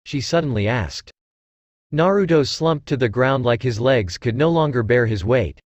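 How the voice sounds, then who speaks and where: A man narrating a fan fiction story aloud in an expressive storytelling manner. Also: mid-range voice, moderate pace, no room sound.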